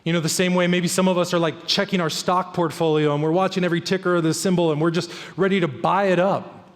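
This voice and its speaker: A man's voice: high-pitched, steady tone, fast talker, in a large hall. A male pastor preaching a sermon in an earnest, emphatic way, repeating key phrases. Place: church sanctuary.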